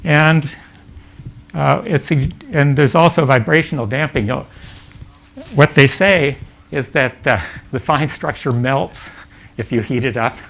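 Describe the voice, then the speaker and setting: An older man giving a physics lecture at a summer school, halting and full of fillers and restarts. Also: mid-range voice, vocal fry, a bit bright. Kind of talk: academic lecture. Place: lecture hall.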